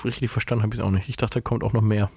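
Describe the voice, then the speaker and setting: A man's voice: on the low side, flat delivery, very fast, vocal fry, mellow, husky, no echo. A man co-hosting a podcast in casual chat, hesitant, often stumbling and restarting his sentences. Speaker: podcast co-host.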